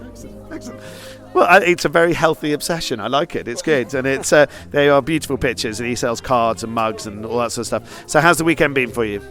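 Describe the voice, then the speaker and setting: A man's voice: medium pitch, quick pace, a bit bright, soft background music. A man hosting a podcast, chatting and joking with stall holders in a market tent. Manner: jokey, teasing, laughs often. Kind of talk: casual market-stall interviews. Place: busy indoor market tent.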